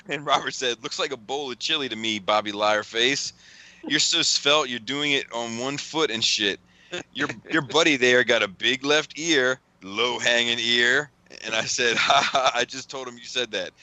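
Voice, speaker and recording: Podcast guy rambling thru a story, laughs a lot, bright voice, dry close mic. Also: medium pitch, moderate pace, dry recording. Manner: rambling storyteller, laughs often, retells texts with swearing. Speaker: podcast host. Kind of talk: casual chat.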